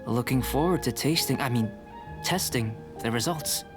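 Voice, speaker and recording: A man voicing a calm, courteous alchemist researcher in a video game, speaking in a measured, formal, articulate way. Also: medium pitch, music in the background, close to an everyday voice.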